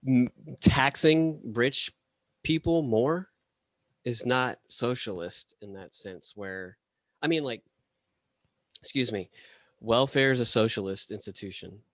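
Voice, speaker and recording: A man co-hosting a casual podcast chat, rambling and halting with many fillers. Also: mid-range voice, a bit bright, no room sound. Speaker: podcast co-host.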